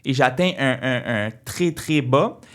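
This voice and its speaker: A man's voice: mid-range voice, lively intonation, fairly bright tone. A man, speaking earnestly as an interview guest and often restarting his sentences. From Quebec. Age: 20s. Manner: earnest, halting with many restarts. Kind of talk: casual interview talk.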